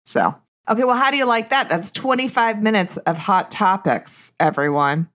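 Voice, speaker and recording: A woman in her thirties with vocal fry, hosting a casual solo monologue in a blunt, sarcastic, gossipy way. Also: mid-range voice, normal speed, fairly bright tone. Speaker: podcast host.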